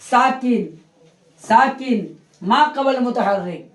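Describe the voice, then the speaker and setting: A man's voice: very high voice, lively intonation, slow pace, a bit bright, a little hiss or hum. A male teacher giving a classroom grammar lesson, repeating terms and quizzing his students. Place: classroom with a board. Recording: echoey classroom.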